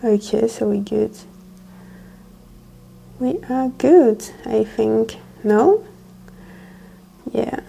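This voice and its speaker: A woman with a soft-edged, mellow voice on the higher side talks through a casual ASMR unboxing. She speaks in an unhurried way, rambling and thinking aloud as she tries out each feature. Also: animated, vocal fry, a little hiss or hum. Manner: rambling, thinking aloud while testing gear. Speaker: product reviewer. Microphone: close wireless lavalier microphone being tested.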